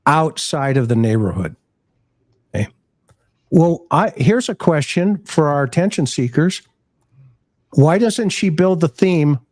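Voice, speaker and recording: A man with a slightly high voice argues a case as a panelist on a true-crime show. He is pointed and sarcastic, as if laying out an exposé. The sound is close and dry. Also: a little mellow, no room sound. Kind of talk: argumentative case commentary.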